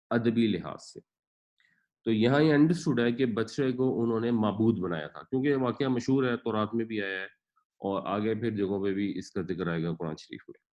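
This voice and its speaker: A man's voice: medium pitch, dull audio. A man teaching a Quran class, patiently explaining grammar and pronunciation with everyday examples. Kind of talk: explanatory lecture.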